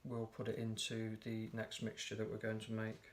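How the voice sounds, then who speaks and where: A man with a lowish, hoarse and croaky voice talks at a moderate pace through a casual step-by-step recipe. He's a relaxed, talkative home cook who frequently corrects himself mid-sentence, captured in a noisy home video.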